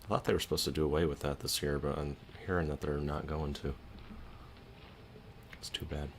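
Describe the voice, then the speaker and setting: A man's voice: a bass voice, flat delivery, fairly quick, a little hiss or hum. A man giving chatty, opinionated commentary while watching a film. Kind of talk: casual movie commentary. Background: music playing loudly.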